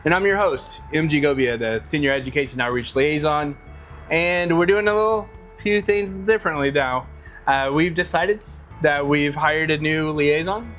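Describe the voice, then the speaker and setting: Man, middle-aged, podcast host, upbeat, welcoming, slightly high voice. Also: normal speed, fairly bright tone, faint music behind. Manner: upbeat, welcoming, lots of fillers. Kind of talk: casual podcast chat.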